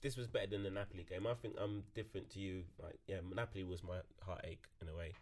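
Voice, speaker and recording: A man's voice: low voice, fairly even intonation, fast, slight background noise. An Englishman co-hosting a casual football podcast, thoughtful and a little nostalgic. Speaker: podcast co-host.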